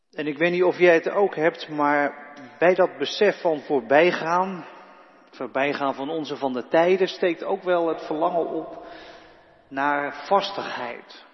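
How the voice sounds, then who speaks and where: Slow, slightly high-voiced male pastor preaching. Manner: calm, reflective preaching that speaks to listeners directly. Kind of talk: sermon. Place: church. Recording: echoey church hall, dull lo-fi sound.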